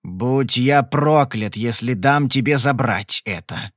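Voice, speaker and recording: Guy putting on a low growly threatening gambler, middle-aged, dry sound. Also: lively intonation, moderate pace, no echo, natural voice. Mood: menacing. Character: menacing middle-aged male gambler, gruff. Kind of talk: audiobook character voice.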